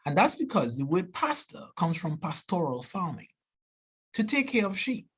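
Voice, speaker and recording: Speaking at normal speed in a husky voice that sits high, this biology professor from Trinidad and Tobago, a man in his forties, gives a lively and sincere seminar. His accent is strongly Trinidadian, and he keeps restarting his thoughts and adding "right?"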